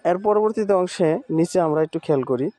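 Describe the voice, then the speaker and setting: A man teaching Quran reading in an online lesson, patiently spelling out Arabic letters and repeating words slowly. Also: high-pitched, animated, warm tone. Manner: Arabic letter names in Bengali speech.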